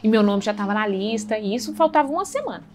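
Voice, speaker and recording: A woman's voice: medium pitch, animated, fast, darkish tone, slight background noise. A woman sharing a personal faith testimony in an earnest, conversational way, often checking in with her listeners. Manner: earnest, conversational, acts out dialogue, frequent tag questions.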